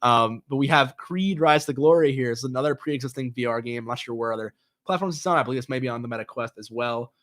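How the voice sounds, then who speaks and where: A young man with a medium-pitched, fast and slightly bright voice hosts a gaming news show, sounding nasal from a cold. His casual solo commentary rambles loosely, full of fillers and restarts.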